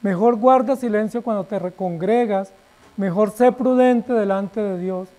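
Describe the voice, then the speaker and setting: Mellow-voiced pastor preaching. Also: male voice, high voice, measured pace. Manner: emphatic preaching, rhetorical questions, phrase endings dropping quiet. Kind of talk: sermon.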